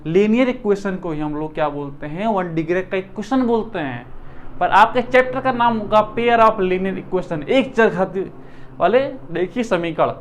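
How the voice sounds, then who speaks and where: A man's voice: high-pitched, animated, moderate pace, a little hiss or hum. A man teaching math in a casual classroom lecture, chatty, repeating questions back to his students.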